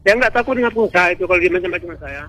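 With a very fast, high-pitched voice that's pushed and bright with lively intonation, an Indonesian caller gives his opinion on a radio show. He speaks frankly and wanders, repeatedly stopping and restarting, over a phone line fed into the broadcast.

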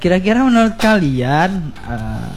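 A man's voice: high-pitched, big pitch swings, normal speed, soft background music. A man hosting a casual late-night radio chat, with a lisp that trips on his r sounds. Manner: lisp, trouble pronouncing r. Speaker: radio host.

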